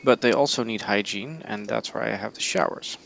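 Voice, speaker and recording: A man's voice: lowish voice, fairly quick, vocal fry, a bit bright, slight background noise. A man streaming a game live, casually thinking aloud in a rambling, sometimes tongue-tied way, sleepy and yawning. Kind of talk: casual let's-play commentary.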